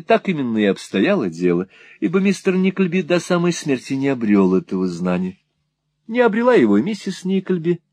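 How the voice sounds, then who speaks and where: A male audiobook narrator with a lively, widely moving pitch and a wry storytelling manner. The recording is close and dry, with no room sound at all. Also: no room sound. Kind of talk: scripted narration.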